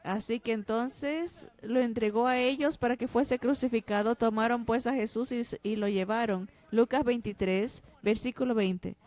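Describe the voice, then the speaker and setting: A woman's voice: on the high side, fairly even intonation, normal speed, few pauses, darkish tone. A woman interpreting a pastor's sermon, preaching with passionate emphasis. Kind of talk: dubbed sermon.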